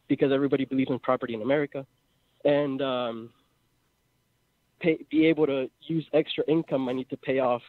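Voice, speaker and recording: A man in his twenties with a Mexican accent phones in to a live show, rambling through his idea with lots of fillers. His voice is fairly high, with no echo, and the call sounds tinny over the phone line.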